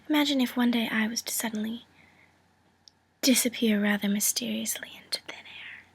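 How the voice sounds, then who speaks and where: A woman's voice: sits high, a bit bright, exaggerated voice. Woman playing a whispering mobster woman, friendly threat. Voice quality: breathy whisper. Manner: friendly threat, smooth and teasing menace. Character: cool, calculating woman mobster proposing a partnership. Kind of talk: whispered role-play.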